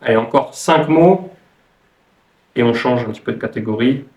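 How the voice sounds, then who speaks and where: Guy teaching language stuff casually, lots of pauses thinking aloud, roomy echo. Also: mid-range voice, darkish tone, recorded from a distance. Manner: hesitant, thinking aloud between explanations. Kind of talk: informal explanatory language lesson. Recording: echoey room.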